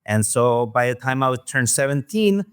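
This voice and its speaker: A man from Mexico, a guest in an interview, talking in a soft, hesitant way with many fillers. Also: medium pitch, expressive, normal speed, clean tone, dry recording, studio quality. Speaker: guest, restaurant owner. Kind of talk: casual interview talk.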